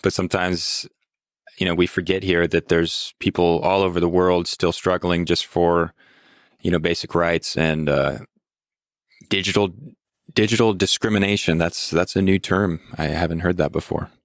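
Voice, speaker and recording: A man's voice: low voice, fairly even intonation, normal speed, dry recording, studio quality. A man chatting casually as a podcast host, with informal, laid-back phrasing. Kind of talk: casual interview chat.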